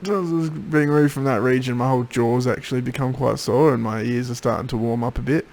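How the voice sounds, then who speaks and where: Male, casual video diarist, worn out after throat surgery, creaky mid-pitched voice, low energy. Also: fairly even intonation, fairly quick, darkish tone. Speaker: patient keeping a recovery video diary. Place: home office.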